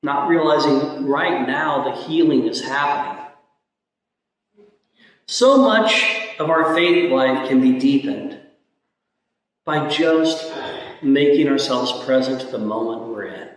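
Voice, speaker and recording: A man preaching as a priest, reading and giving a homily deliberately, repeating key phrases for emphasis, with cathedral echo around his voice. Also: medium pitch. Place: large reverberant church. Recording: cathedral-like echo, long reverb, distant mic.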